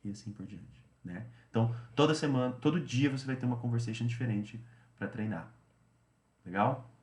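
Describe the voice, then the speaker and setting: A male English teacher talks through a study routine in a relaxed, chatty way, often restating points and adding little tag questions. His voice sits at a middle pitch. The recording has a roomy echo, as if captured at a computer. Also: normal speed. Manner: chatty, repeats himself, tags phrases with "né".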